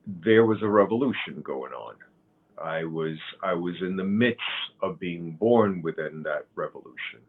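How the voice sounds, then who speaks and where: Cuban-born man, 60s, very deep and unhurried, halting fillers; thin phone-like audio. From Cuba. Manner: slow, halting, with many fillers and restarts. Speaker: guest, author and pagan high priest. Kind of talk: interview conversation.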